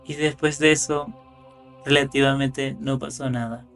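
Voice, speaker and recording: A man reading horror stories aloud in calm scripted narration, rising for the tense moments. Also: mid-range voice, normal speed. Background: faint music.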